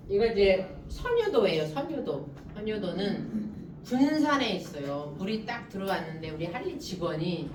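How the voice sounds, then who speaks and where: Woman, middle-aged, humorous lecture, echoey hall, distant mic with room noise. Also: lowish voice. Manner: lively, joking, laughs often. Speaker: professor giving a lecture.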